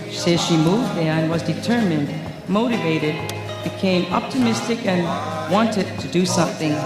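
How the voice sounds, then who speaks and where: A pageant emcee reading out contestant bios and calling for applause in a large indoor gym. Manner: reads bios, urges applause. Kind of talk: scripted contestant introductions. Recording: booming gym hall with music. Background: background music.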